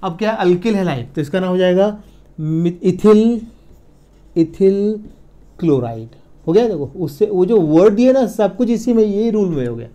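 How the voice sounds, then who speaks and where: A man teaching chemistry in an exam-prep lecture, repeating key slowly and checking in with his students. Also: high-pitched, sing-song, dark tone. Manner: repeats key words slowly, counts aloud, checks in with the listener.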